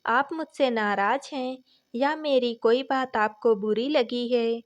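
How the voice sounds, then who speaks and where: A woman voicing a caring young daughter-in-law in a story reading, speaking softly and respectfully. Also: fairly high pitch, takes it slowly. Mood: hesitant. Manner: soft, hesitant, respectful.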